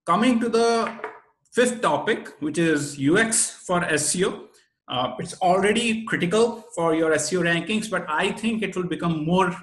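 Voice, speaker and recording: A man's voice: on the high side, a bit bright. A man with an Indian accent giving an explanatory webinar presentation in a didactic way, stressing his key points. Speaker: webinar presenter, SEO expert. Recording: roomy, echoey sound.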